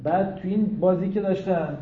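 A man, a cleric, giving an interactive religious lecture to students, telling jokes and stories in an animated way, in a distant, echoey, phone-like recording. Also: high voice. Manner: animated, joking storyteller. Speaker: cleric teaching a religious class.

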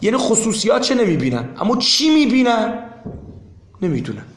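A man's voice: sits high, big pitch swings, reverberant. A man teaching a seminary class, explaining insistently and repeating his points.

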